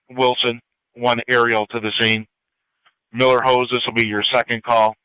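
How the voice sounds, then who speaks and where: A man's voice: medium pitch, sharp tone, clean tone, no echo, rough recording. An American man working as a fire dispatcher, making urgent, clipped, procedural announcements over two-way radio. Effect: two-way radio transmission. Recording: fire scanner radio stream.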